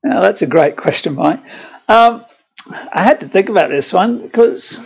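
An Australian man from Brisbane, a guest answering interview questions over a lagging satellite audio link, measured and explanatory with frequent ums. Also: high-pitched, animated, vocal fry, breathy edge. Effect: remote guest heard over a lagging satellite audio link. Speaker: podcast guest, property fund manager. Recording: dull lo-fi satellite audio line.

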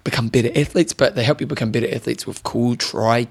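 Quick-talking man. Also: mid-range voice, fairly even intonation, vocal fry, husky. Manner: informal, matey. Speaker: podcast co-host. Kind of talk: casual sports chat and listener mail.

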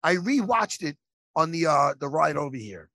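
A man hosting a casual podcast chat, animated and profane, given to laughing and telling stories. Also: fairly high pitch, moderate pace, no echo. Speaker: podcast host.

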